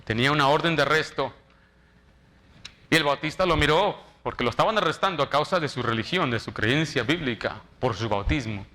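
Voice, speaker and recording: A man preaching a sermon in church as pastor, shifting from loud dramatic quotes to soft, quiet appeals. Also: a little high, lively intonation, a little fast.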